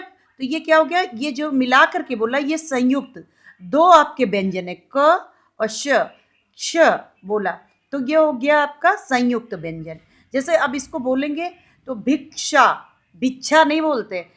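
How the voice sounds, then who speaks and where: A woman's voice: high voice, a bit bright. A woman with an Indian accent, a school teacher giving a recorded lesson to young pupils, patiently repeating and sounding out examples and answering her own questions.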